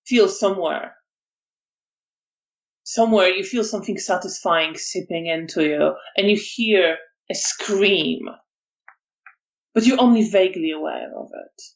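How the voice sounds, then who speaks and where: Give me a woman game master telling a dark scene slowly and steadily. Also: mid-range voice, rough recording. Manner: measured scene narration with frequent ums. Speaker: storyteller running a tabletop game. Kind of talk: narrating a tabletop horror game.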